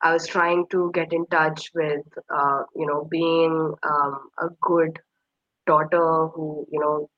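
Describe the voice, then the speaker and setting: A woman's voice: low voice, flat delivery, slow pace, no echo. A young woman from Kashmir, a guest in an interview, telling a personal story in a hesitant, reflective way with many fillers. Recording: slightly muffled dry recording.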